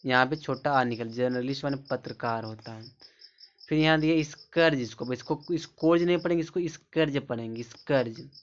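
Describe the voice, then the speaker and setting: A man's voice: medium pitch, a little fast. A man teaching English pronunciation in a classroom-style lesson, repeating each word several times and asking the learners rhetorical questions. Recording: slightly dull lo-fi sound with faint background noise.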